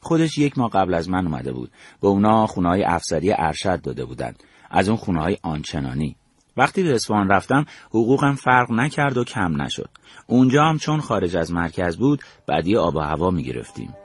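A man's voice: low voice, very animated, breathy edge, no echo. An older man from Iran recounting his memories as a storyteller, acting out the dialogue he quotes. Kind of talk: spoken memoir narration.

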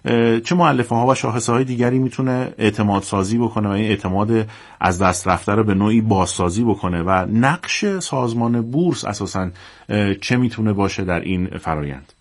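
A man with a lowish voice hosts an interview. He puts long, courteous, formal questions to his guest and now and then pauses on a filler.

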